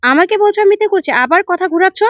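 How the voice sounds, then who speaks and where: A woman voicing a sharp young woman investigator who questions and scolds sternly, in a dull, dry recording. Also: very high voice, animated, racing, no room sound, voice pushed up.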